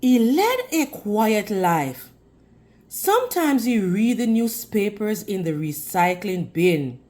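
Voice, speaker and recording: A woman gently paces her way through a picture book for small children. Her voice moves expressively in pitch, and she guides her listeners with questions, as a teacher might.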